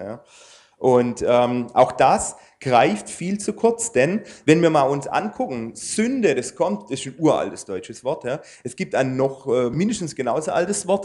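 A man preaching to an audience in a casual, conversational way. He pauses often with fillers and tag questions while he explains his slides. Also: mid-range voice, darkish tone. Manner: informal, with frequent "ja" and hesitant fillers; speaks to an audience using slides. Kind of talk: conversational sermon.

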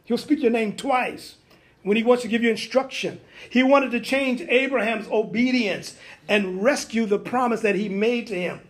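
A man with a notably high voice delivers a sermon, breaking into amens and hallelujahs as he goes. His preaching is folksy and conversational, full of homely asides, and he slips into the voices of biblical figures to act out their dialogue.

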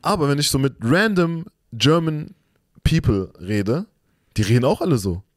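A young man co-hosting a podcast in a relaxed, rambling way, mixing English slang into his German. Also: medium pitch, moderate pace, no echo, clean studio sound. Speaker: podcast co-host. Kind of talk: casual chat.

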